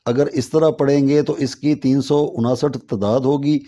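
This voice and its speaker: A man reading instructional narration aloud, steady and measured, working through long lists of numbers. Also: mid-range voice. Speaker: teacher of devotional recitation methods.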